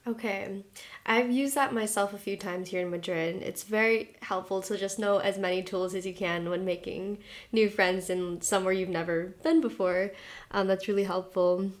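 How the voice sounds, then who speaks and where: A woman's voice: medium pitch, steady tone, normal speed. A young woman hosting a podcast, asking questions in a chatty, upbeat way. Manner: chatty, upbeat, laughs along. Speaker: podcast host. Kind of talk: casual interview chat.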